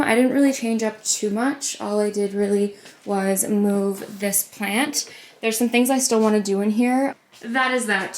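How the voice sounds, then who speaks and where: A woman's voice: medium pitch, echoey room, slight background noise. A young woman in her twenties chatting casually in a home vlog, upbeat and full of "like" and "um.". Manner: chatty, upbeat, many fillers like "like" and "um". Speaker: vlogger. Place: inside a home.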